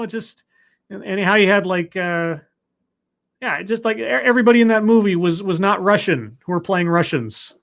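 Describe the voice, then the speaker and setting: A man's voice: sits high, pushed and bright. Rambling man reading out livestream comments. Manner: rambling and self-deprecating, with frequent restarts and laughs. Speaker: YouTuber hosting a livestream Q&A. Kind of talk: casual livestream chat reading viewer comments.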